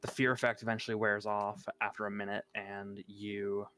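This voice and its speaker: A man's voice: lowish voice, little pitch movement, normal speed, pushed and bright, slight background noise. A man narrating as game master, thinking aloud and correcting himself as he goes.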